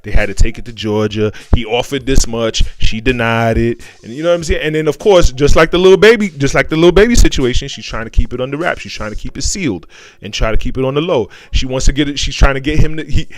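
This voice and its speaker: A man's voice: medium pitch, fast. An American man gives casual, opinionated commentary as a show host. His talk is slangy, and he circles back to repeat phrases until they land.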